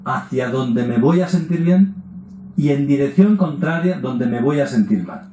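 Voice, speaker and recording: A man's voice: mid-range voice, animated, measured pace, warm tone, roomy sound, faint music behind, low-quality recording. A man giving a lecture, tossing in rhetorical questions and tag words as he explains. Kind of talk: public lecture.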